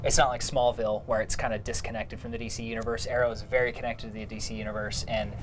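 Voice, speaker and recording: A man co-hosting a casual store update, chiming in with quick, enthusiastic opinions on films and shows. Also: lowish voice, level tone, a little hiss or hum. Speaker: co-host. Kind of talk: casual chat.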